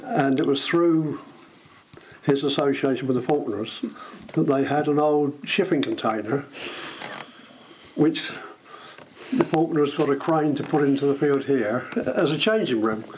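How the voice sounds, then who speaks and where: An older man in an interview, filling in details in a clear, explanatory way. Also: mid-range voice, unhurried, a little mellow, slight background noise. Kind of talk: explaining in casual chat.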